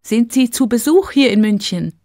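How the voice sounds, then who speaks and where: A woman's voice: fairly high pitch, animated, normal speed, darkish tone, no room sound, studio quality, pitched above the performer's own voice. A woman voicing a curious young Italian woman visiting a city, asking eager questions.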